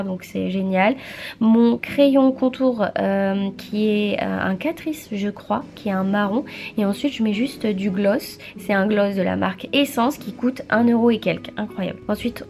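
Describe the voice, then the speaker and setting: A woman's voice: mid-range voice, a little mellow. A young woman, chatting casually through her beauty routine in a vlog voice-over, with many fillers. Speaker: vlogger.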